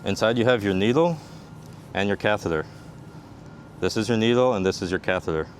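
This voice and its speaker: Low-voiced man instructing, over background noise. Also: brisk. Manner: methodical, explains step by step. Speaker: army combat medic instructor. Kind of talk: hands-on instructional demonstration.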